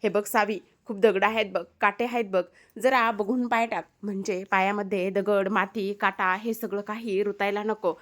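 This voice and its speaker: A woman's voice: mid-range voice, fairly even intonation, moderate pace, a bit bright, lightly acted. A woman voicing a stern, traditional village mother who speaks firmly and scolds. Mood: cautioning. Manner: firm, scolding.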